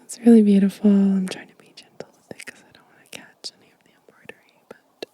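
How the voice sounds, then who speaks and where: A woman hosting an ASMR video does a show and tell in a very soft, dark voice, mostly whispered and breathy, drifting between whispers and quiet voiced speech. She is gentle and casual, with a medium pitch and level tone, yet talks fast. A close microphone gives a dry sound with no room sound.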